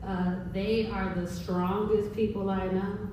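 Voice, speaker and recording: A woman panelist talking about her family with lively, proud humor in a panel discussion. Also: mid-range voice, measured pace. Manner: lively, proud, laughing storyteller. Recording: echoey room from far off, noisy.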